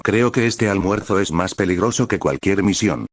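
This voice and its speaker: A young swordswoman from a fan story who teases sweetly but mockingly, as a man reads her in his own low voice. The sound is dry and close. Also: moderate pace, no echo. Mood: teasing. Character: sweetly smiling, teasing young woman swordswoman.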